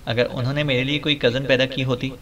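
A man's voice: mid-range voice, little pitch movement, fairly bright tone, far from the mic, lo-fi sound, close to an everyday voice. A man reading an audiobook voices a cocky young heir who answers in a dry, offhand, mocking way. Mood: flippant.

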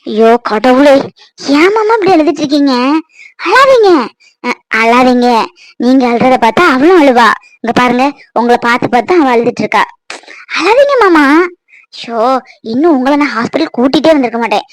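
A woman's voice: high voice, expressive, moderate pace, pauses often, dry recording. A woman playing an exasperated young wife. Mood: scolding. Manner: scolding, impatient, coaxing the baby. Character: young wife, exasperated with her weepy husband. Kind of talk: cartoon voice acting.

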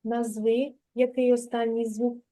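In a slow literacy lesson, a woman preschool teacher with a Ukrainian accent patiently sounds out words for a child. Her mellow voice is on the high side and level in tone.

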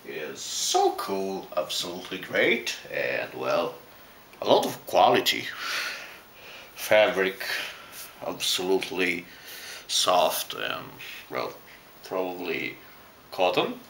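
A man speaking through a face mask while casually reviewing a costume, halting often with pauses. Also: low voice, wildly swooping pitch, gravelly, a bit bright, slight background noise. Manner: halting, with frequent "well" pauses. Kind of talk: casual product review vlog.

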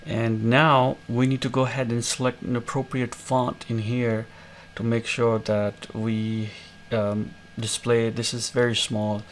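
A man hosting a screen-recorded coding tutorial, explaining each step in a relaxed way with many fillers. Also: mid-range voice, unhurried, few pauses, a little hiss or hum. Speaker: tutorial host.

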